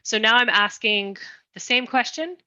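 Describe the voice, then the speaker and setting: Woman presenting at a community meeting, bright. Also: a little high, no room sound, muffled recording. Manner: explanatory, careful, slowing down on request. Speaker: school design presenter.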